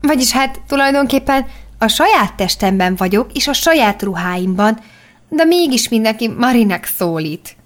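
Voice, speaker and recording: A woman narrating a children's novel in the first person, telling it evenly and clearly. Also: a little high. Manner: even, clearly articulated storytelling. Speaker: audiobook narrator.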